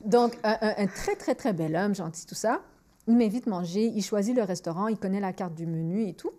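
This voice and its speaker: A medium-pitched, fairly fast female voice comes through with a faint hiss or hum. She's a Montreal podcaster in her forties with a local French accent, animatedly recounting candid stories, flipping freely from French to English and repeating words mid-thought.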